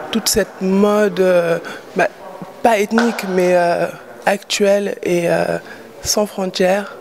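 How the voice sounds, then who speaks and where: A woman's voice: on the low side, gravelly, a little mellow. A young woman from Paris, a fashion model, answering interview questions in a hesitant way, with many fillers and repeated words. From Paris, France. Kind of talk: casual interview.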